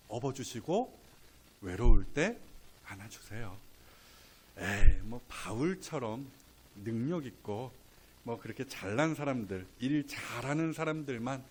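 A male pastor preaching a sermon, swinging between soft, casual asides and loud, drawn-out emphatic lines. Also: mid-range voice, very animated, a little hiss or hum. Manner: colloquial, playful asides.

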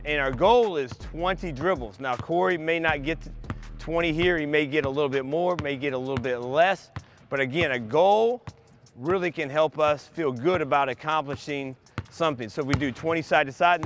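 Middle-aged man, basketball coach, patient step-by-step instruction, slightly high voice, empty indoor arena, faint music underneath. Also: fairly bright tone. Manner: patient step-by-step explaining to kids. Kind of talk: instructional clinic demonstration.

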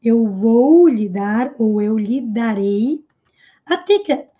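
A Portuguese-speaking woman teaching English in a live lesson, explaining phrases and repeating them slowly. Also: a little high, animated, mellow, highs cut off.

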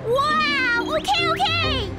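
Very high, bubbly little boy train. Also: slow pace. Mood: cheerful. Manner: bubbly, exclaiming. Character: cheerful, eager young boy train. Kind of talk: children's cartoon acting. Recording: children's music loud behind the voice. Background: loud children's music.

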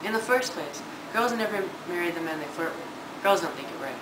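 A young man in an amateur play, acting an idle, witty, smug young gentleman in formal, measured speech. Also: high voice, animated. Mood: lofty scolding. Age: teenager to young adult. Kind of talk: amateur stage-play acting for a student project. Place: large living room, indoors. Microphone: camera a few metres away. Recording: echoey, noisy room from camera distance.

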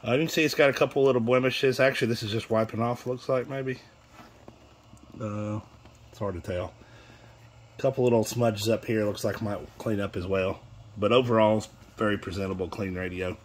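In a small room, a seller shows off used radio gear in a loose, rambling, matter-of-fact way, his lowish voice brisk and fairly even in intonation. The handheld phone capturing him sits close to the radio, and background noise comes through clearly.

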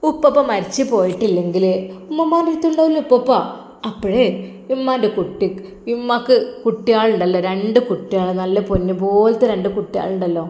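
A woman voicing an affectionate older widowed grandmother who coaxes her granddaughter softly. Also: mid-range voice, brisk, close to an everyday voice. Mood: tender, coaxing. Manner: soft coaxing, affectionate endearments. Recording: roomy echo.

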